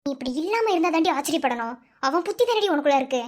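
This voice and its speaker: A woman's voice: sits high, animated, very fast. Woman doing a stern Madurai cartoon mother. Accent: Madurai Tamil. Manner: harsh, lecturing, threatening. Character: stern scolding mother of a teenage girl. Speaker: voice artist. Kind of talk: animated cartoon dialogue.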